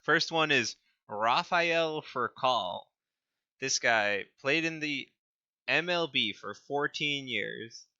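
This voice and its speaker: A man's voice: medium pitch, sharp tone, lo-fi sound. A young man co-hosting a casual sports podcast, reading stats with small stumbles and laughs. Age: young adult. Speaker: podcast co-host.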